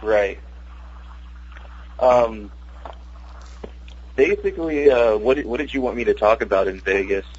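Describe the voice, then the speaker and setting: A man calling in on speakerphone with the phone held away from him, telling a rambling, halting story. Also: medium pitch, expressive, a little mellow, slight background noise. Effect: on speakerphone, phone held away, muffled. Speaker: caller. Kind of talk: casual call-in chat. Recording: muffled lo-fi phone line.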